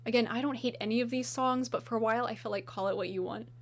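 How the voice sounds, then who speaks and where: A woman chatting casually as she ranks songs, gushing and enthusiastic, with lots of filler words and a slightly hoarse voice. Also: a little high, fairly even intonation, quick pace. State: slightly hoarse, losing her voice. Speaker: video host. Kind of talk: casual music ranking chat.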